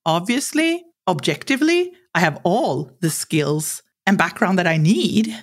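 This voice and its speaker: With a fairly low pitch and measured pace, this woman in her forties from Sweden speaks accented English, her second language, as a podcast guest. She tells personal stories candidly and animatedly, voicing other people's lines and laughing mid-sentence.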